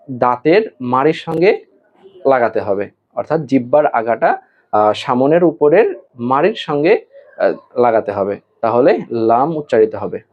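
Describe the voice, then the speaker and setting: A male Quran teacher giving an online lesson, explaining how to pronounce Arabic letters slowly, with pauses and fillers, and drawing out the letters as examples. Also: medium pitch. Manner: slow and deliberate, with hesitation fillers, drawn-out model pronunciations. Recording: tinny phone-like audio.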